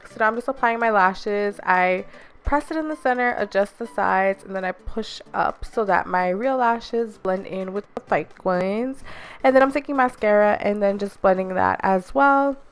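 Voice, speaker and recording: A woman's voice: mid-range voice, moderate pace, clear, resonant tone. A young woman narrating a makeup tutorial in a chatty, instructive way, with a self-deprecating joke here and there. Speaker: beauty vlogger.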